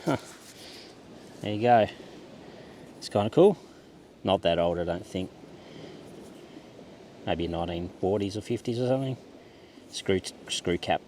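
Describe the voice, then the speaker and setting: A man with a low, dark voice speaks a little slowly but animatedly, pausing often. He is a hobby metal detecting vlogger giving a laid-back, understated commentary on a beach, half to himself while searching, amid clear outdoor background noise.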